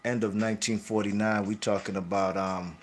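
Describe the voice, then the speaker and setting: A man's voice: on the low side, flat delivery, a little fast, soft background music. A man hosting a boxing channel, talking casually about boxing history in a rambling way, correcting himself and tagging lines with "you know what I mean".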